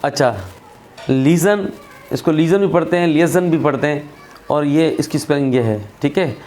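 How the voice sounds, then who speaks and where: Male tutor, slightly high voice, patient and repetitive, for a recorded spelling lesson. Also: darkish tone. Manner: patient, repeats points, checks in with "theek hai". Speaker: English teacher.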